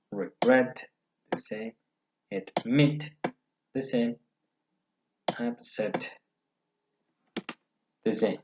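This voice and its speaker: A man giving a recorded English grammar lesson, explaining rules slowly and step by step. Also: medium pitch, warm tone. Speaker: English teacher. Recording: dull lo-fi audio.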